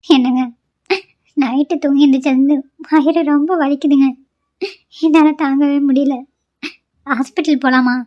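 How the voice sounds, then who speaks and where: A woman's voice: high voice, steady tone, fairly quick, lo-fi sound, lightly acted. A woman voicing a frightened young newlywed wife in a cartoon, pleading and apologetic as she cries. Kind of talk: cartoon voice acting.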